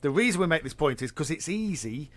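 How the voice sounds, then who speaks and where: A man co-hosting a casual comedic chat show, telling stories in an animated way, often repeating words and giggling. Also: on the high side, fast, dry recording. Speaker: podcast co-host. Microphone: studio microphone.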